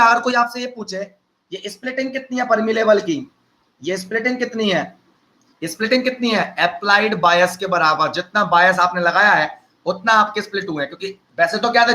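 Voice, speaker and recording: Bright, high-voiced man teaching physics. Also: poor audio. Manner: teasing, conversational, addresses students as beta and bhaiya; asks questions and answers them himself. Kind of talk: classroom physics lecture.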